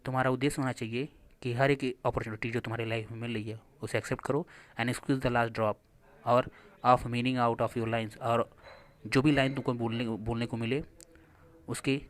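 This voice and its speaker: A teacher reads short English passages at a slow, careful pace and then switches to fast, loose explanation. He restarts phrases often and checks in with his class as he goes. His voice sits at an ordinary middle pitch for a man. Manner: reads English lines slowly, then explains quickly in Hindi. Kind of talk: reading an English lesson aloud and explaining it in Hindi.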